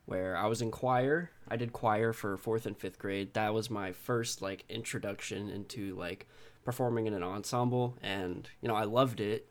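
A young man from Texas co-hosts a podcast, telling personal stories in a laid-back, informal way. His voice is lowish and steady at a moderate pace.

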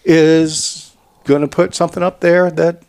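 A man's voice: on the high side, level tone, unhurried, a little mellow, clean tone. A man who organizes cycling events, chatting casually on a podcast and rambling as he restarts and repeats words.

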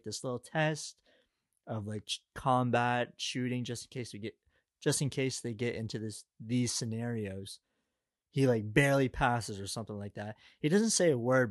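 A man's voice: medium pitch, no room sound, studio quality. A young man casually reviewing and recapping, rambling and exasperated, with lots of filler words. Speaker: commentator.

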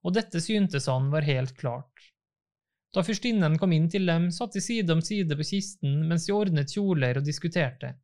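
A man reading a classic novel aloud in calm, measured scripted narration. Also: on the high side. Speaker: audiobook reader.

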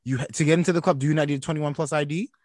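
A man's voice: on the high side, racing, no room sound, studio quality. A man co-hosting a podcast, chatting casually and joking as he tells stories. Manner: joking, animated storytelling. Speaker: podcast co-host. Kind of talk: casual chat.

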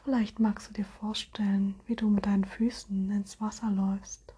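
A woman guiding a relaxation hypnosis in a soft, soothing, airy spa whisper with gentle suggestions. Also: medium pitch, level tone, moderate pace, breathy edge. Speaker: hypnosis guide.

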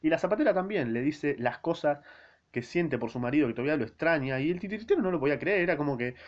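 A man's voice: on the high side, animated, fast. Argentine male podcast host, casual slangy book recap, rambling. Dull lo-fi sound. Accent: Argentine Spanish. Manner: slangy, rambling, self-interrupting. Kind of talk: casual spoken book summary. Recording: dull lo-fi recording.

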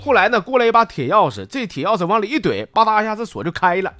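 A man's voice: sits high, big pitch swings, fast, sharp tone, soft background music. A man with a Northeastern Mandarin accent hosting a comedy show, telling jokes in a folksy, playful way. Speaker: host reading listener jokes. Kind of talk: comic storytelling on radio.

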